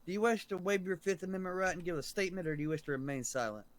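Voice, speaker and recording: A man acting as judge in a role-play court, brisk and questioning. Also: high voice.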